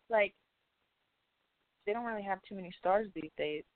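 A woman's voice: mid-range voice, animated, a little slow, no echo. A woman co-hosting a casual fight-sports talk show, blunt and opinionated, swearing now and then. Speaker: podcast co-host. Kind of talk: casual chat. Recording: tinny phone-like audio.

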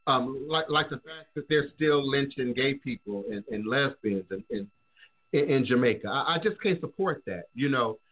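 An American man hosting a casual discussion show, talking haltingly and repeating words as he reasons. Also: medium pitch, animated. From United States. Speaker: show host. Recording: dull, lo-fi call audio.

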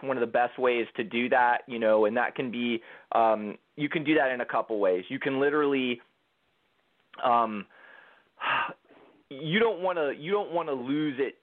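Male co-host, mid pitch, measured and hesitant, lo-fi phone audio. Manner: hesitant, thoughtful, filler-heavy. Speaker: co-host, conflict coach. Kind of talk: casual advice talk. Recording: phone-like lo-fi sound.

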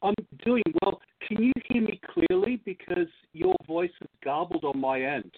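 A man calling in as a guest on an internet radio show, chatting plainly and friendly while his voice comes through a garbled, low-quality stream. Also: wildly swooping pitch, normal speed, gravelly, noisy background. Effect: garbled, low quality call-in stream. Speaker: guest caller. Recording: tinny garbled phone-line stream.

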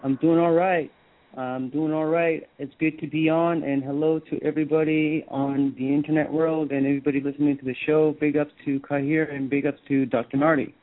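Radio call-in caller: Canadian man, a bit high-pitched, halting and repetitive, thin phone-quality audio. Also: little pitch movement. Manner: hesitant, restarts with repeated words. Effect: phone-line caller audio. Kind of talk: telling a personal story on a call-in show. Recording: tinny phone-like line.

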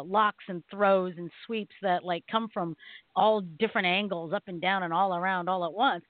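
A woman's voice: mid-range voice, no echo. A woman co-hosting a talk radio show and teaching martial arts, chatting casually in a rambling way, with many restarts and frequent laughs. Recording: tinny phone-line sound, dry.

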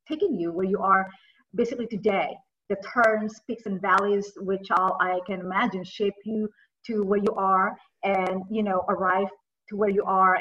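A woman's voice: medium pitch, sharp tone. Effusive woman host, distant and dull. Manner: effusive, encouraging, calls guest "my dear". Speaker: talk show host. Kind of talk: interview hosting.

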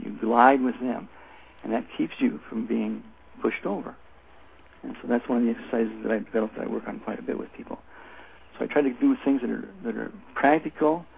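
An older man talks in a very gravelly voice, as an instructor explaining in an interview. He tells anecdotes in an emphatic, repetitive, conversational way. The sound is a narrow phone line with a faint layer of noise. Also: medium pitch. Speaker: Tai Chi instructor, interview guest.

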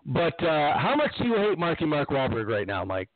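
A man hosting a casual sports chat, animated and ranting, laughing often. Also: on the high side, moderate pace, dry recording. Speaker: podcast host. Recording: tinny phone-like line.

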